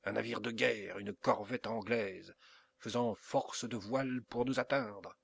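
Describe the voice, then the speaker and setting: A man reading an audiobook, voicing a hot-tempered male pirate captain who barks orders in a loud, gruff, commanding way. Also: on the low side, fairly even intonation, measured pace, no echo, full character voice. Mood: furious.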